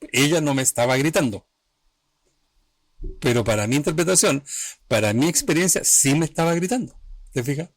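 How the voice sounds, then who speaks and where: A man's voice: fairly high pitch, dry recording. Man giving a reflective, questioning talk. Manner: conversational, often checks in with the listener; speaks in short restarting phrases. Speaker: host of an emotional healing channel. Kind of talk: live-streamed reflective talk.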